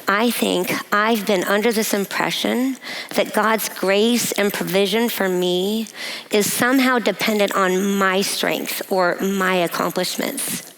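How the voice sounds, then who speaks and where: A woman giving a personal testimony at a women's breakfast, telling a story in a measured way and laughing often. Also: mid-range voice, a bit bright, rough recording. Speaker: guest speaker. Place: event hall.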